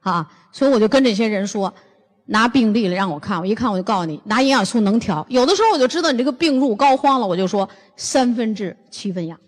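Older female lecturer, fairly high and very animated voice, blunt storyteller. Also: fast talker, in a large hall. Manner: blunt, forceful storytelling with rhetorical questions. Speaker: lecturer on health and nutrition. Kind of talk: lively anecdotal lecture.

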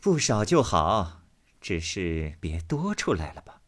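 A man's voice: low-pitched, sing-song, slow pace, exaggerated voice. A man voicing a shrewd, jealous noblewoman with a cold, sarcastic way of speaking.

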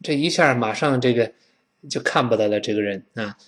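A man teaching English pronunciation in an animated, playful way, drawing words out slowly for learners to repeat and acting out example sounds. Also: mid-range voice.

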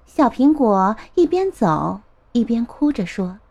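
A woman narrating a children's storybook in a gentle, expressive way. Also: on the high side, slow pace, muffled recording.

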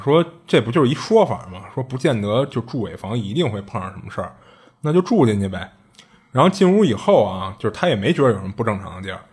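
A man with a husky, slightly breathy voice tells a spooky anecdote in a relaxed, conversational way. He talks in a chatty, colloquial manner, doubling back on his words as he goes. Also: medium pitch. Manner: chatty, colloquial, with frequent restarts and asides. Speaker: storyteller. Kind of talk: casual retelling of strange tales.

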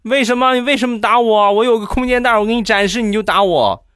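Man putting on a high whiny little boy, stubborn, dry close sound. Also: quick pace, a bit bright, no echo. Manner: whining, protesting.

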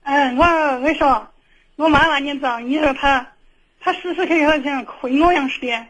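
A middle-aged woman speaking Sichuan dialect, calling in with an aggrieved, halting and repetitive personal complaint. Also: high-pitched, fairly bright tone, poor audio. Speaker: phone-in caller. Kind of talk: emotional personal storytelling.

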